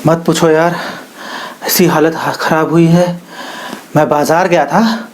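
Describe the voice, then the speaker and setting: A woman's voice: low-pitched, fairly even intonation, a little slow, a little mellow. A woman voicing a battered, frantic man who tells in a panic how a crowd mobbed him. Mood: flustered. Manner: panicky, exasperated storytelling.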